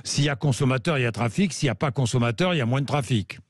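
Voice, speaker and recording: A man hosting a radio talk show, brisk and interjecting, who pushes back on callers. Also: mid-range voice, dry recording, studio quality. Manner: brisk, interjecting, challenging guests. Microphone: studio microphone.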